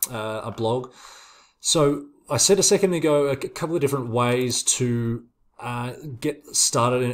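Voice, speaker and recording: A man presenting casually to viewers in vlogger style, with an informal, halting delivery that drifts into asides. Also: medium pitch. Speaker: online business video host.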